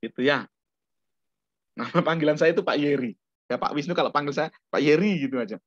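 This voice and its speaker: A man's voice: on the high side, a little fast, no room sound. A middle-aged man from Surabaya teaching a discipleship class, chatting through anecdotes and often checking that listeners understand. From Surabaya, Indonesia. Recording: dull lo-fi recording.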